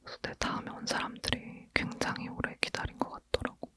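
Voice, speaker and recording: Someone leaning in to whisper an intimate, hushed ASMR chat, speaking informally as if to a friend. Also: brisk. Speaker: ASMR host.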